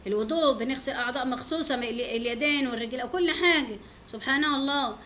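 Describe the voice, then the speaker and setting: A woman's voice: sits high, fast, sharp tone, slight background noise. An Egyptian woman giving an informal religious talk as a teacher, devout and full of pious exclamations.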